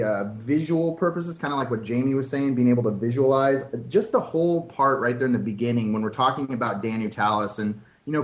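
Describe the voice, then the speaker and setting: A man in casual book-club chat, talking enthusiastically and rambling through his thoughts. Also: mid-range voice. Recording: roomy echo.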